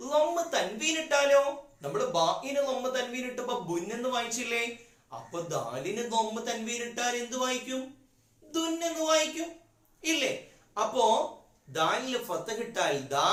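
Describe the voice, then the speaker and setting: A male teacher leads a children's class, speaking very slowly and patiently. He asks questions and drills repeated sounds. His voice rings in an echoey room, recorded on a phone. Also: very high-pitched, fairly bright tone. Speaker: madrasa teacher.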